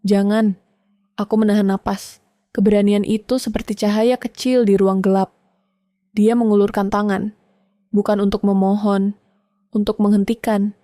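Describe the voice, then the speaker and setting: A woman telling a first-person domestic drama in a calm, measured way, in short, clipped sentences. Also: medium pitch, no echo, studio quality. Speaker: storyteller.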